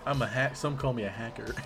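A man's voice: medium pitch, vocal fry. A man playing a tabletop game, joking and laughing often. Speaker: player. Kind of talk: casual tabletop play.

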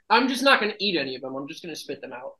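A man hosts a loose podcast chat with friends. He is brash and profane, quick with a joke. He sounds a little queasy throughout. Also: fairly high pitch, sing-song, pushed and bright, rough recording. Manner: swearing, brash and joking. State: feeling sick and nauseous. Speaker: podcast host. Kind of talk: casual chat.

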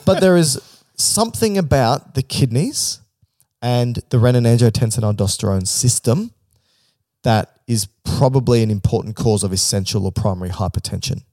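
A podcast co-host speaks at a middle pitch with lively intonation, moderate pace and a warm tone, explaining ideas step by step in a casual chat with an informal, joking edge. The sound is close and dry, without room echo.

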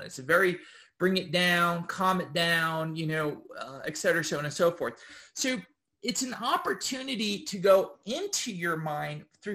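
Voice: medium pitch, a bit bright. Rambling casual instructor, constant okay checks. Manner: rambling, with frequent tag questions of okay; loose and informal, with occasional swearing.

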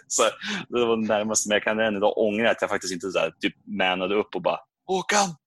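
A man tells a story in casual podcast chat, acting out his own reactions as he goes. His voice sits fairly low, and the sound is close and dry with no room echo. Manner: animated anecdote telling with acted-out reactions. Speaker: podcast co-host.

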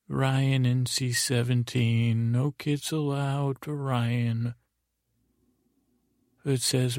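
A man hosting a sleep podcast in the calm, gentle, rambling manner of a bedtime story narrator. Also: mid-range voice, vocal fry, no echo, studio quality. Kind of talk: soothing bedtime sleep-story narration, saying good night to listeners.

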